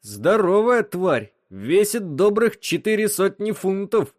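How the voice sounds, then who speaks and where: A man doing a bossy, gruff spaceship captain. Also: high-pitched, expressive, slow pace, dry recording, studio quality, voice pushed up. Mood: commanding. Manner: commanding, impatient, shouting at times.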